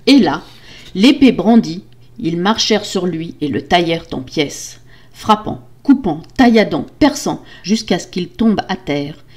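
Older female storyteller, storybook reading, steady and dramatic. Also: lowish voice.

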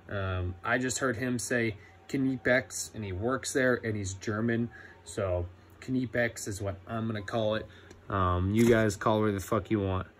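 A young man walks through his tool bag in a loose, unhurried way, his voice sitting a little low. He fills gaps with ums and swears without thinking about it. A faint background noise runs under the recording. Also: a bit bright. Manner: laid-back, swears a lot, many ums. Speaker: electrician apprentice. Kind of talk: casual tool review vlog.

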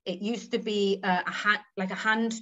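The guest here is an English textile artist in her 40s, interviewed over a video call from her green-walled room at home. At a normal speed, her medium-pitched voice sounds pushed and bright with fairly even intonation. Chatty and thoughtful, she trails off into asides and uses tag questions, and the audio is slightly dull.

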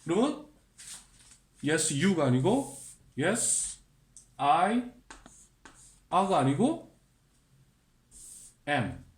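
A male teacher walks beginners through simple grammar, pausing to ask the listener questions and repeating example sentences slowly and deliberately. His voice sits a little high and moves in a lively way. The sound is roomy and echoey. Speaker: English teacher.

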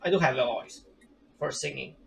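This is a thirtysomething gaming streamer doing casual let's play commentary on a strategy game from a home gaming chair. His mid-range voice is creaky and fairly bright, at a moderate pace, with a little hiss or hum, and he's chatty, rambling, self-deprecating, and quick to laugh.

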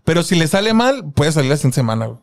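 A man's voice: fairly high pitch, sing-song, racing, gravelly. Young Mexican man, crude podcast banter. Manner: crude slang-heavy banter. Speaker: podcast co-host. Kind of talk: casual chat.

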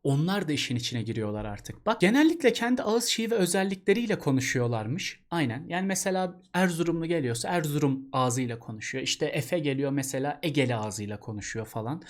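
A man's voice: fairly high pitch, lively intonation, a little fast, hardly any pauses. A man teaching an exam-prep literature lesson in a chatty way, asking rhetorical questions and addressing the student as a buddy.

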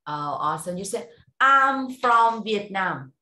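A woman teaching English over a video call, giving a speaking test and prompting slowly and clearly with encouragement. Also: mid-range voice, animated, bright, forceful tone. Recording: roomy echo.

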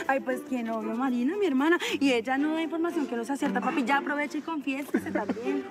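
An actress playing a cheeky, gossipy coworker with a Colombian accent, teasing. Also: female voice, sits high, fairly quick, lightly acted. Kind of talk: comedy film acting.

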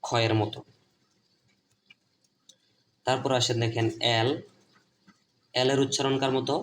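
Man, Bangladeshi Bengali accent, teacher at a board, repeats himself, asks and answers his own questions, mid-pitched voice, faint noise behind. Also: level tone, takes it slowly.

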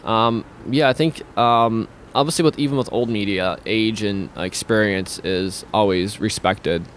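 At normal speed and a fairly low pitch, a young adult man hosts a laid-back talk stream from a small home studio, wearing headphones with a studio mic. He rambles through viewer comments with plenty of restarts, like a casual video call. There's slight background noise in the recording.

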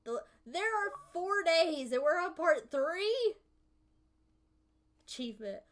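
A woman's voice: extremely high pitch, big pitch swings, slow, a bit bright. A woman streamer chatting casually and thinking aloud as she plays a video game, often poking fun at her own skill. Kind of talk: casual gameplay commentary.

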